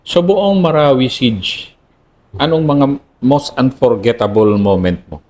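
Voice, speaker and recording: A man's voice: mid-range voice, lively intonation, slow pace, a little mellow. A man hosting an interview, direct in manner, who presses his guest with follow-up questions. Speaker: interview host, retired colonel.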